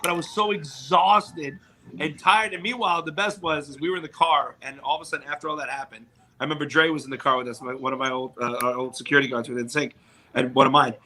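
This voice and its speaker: Fast, bright-voiced man telling stories. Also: on the high side, slight background noise. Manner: animated storytelling, acts out quotes loudly. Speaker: host. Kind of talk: casual chat.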